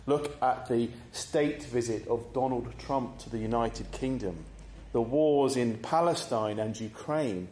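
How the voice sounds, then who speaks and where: Slow, measured preacher in an echoey church. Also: male voice, mid-range voice, a little mellow. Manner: measured, conversational, posing reflective questions. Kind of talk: sermon.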